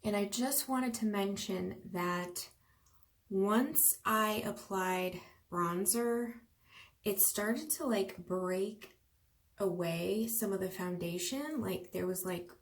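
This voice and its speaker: A woman's voice: mid-range voice, slow pace. A young woman beauty vlogger in a casual product review, chatty and full of fillers, musing aloud to herself.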